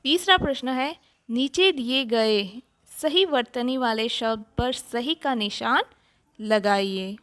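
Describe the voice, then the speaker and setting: Slow, patient woman teacher. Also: fairly high pitch, fairly bright tone. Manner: slow, patient explaining of answers. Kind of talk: worksheet walkthrough lesson.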